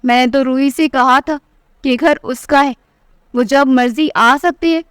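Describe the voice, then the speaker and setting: A woman's voice: high-pitched, a bit bright, clean tone, dry recording, clean studio sound. A woman voicing a stern, disappointed father. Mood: calm. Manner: measured, reproachful.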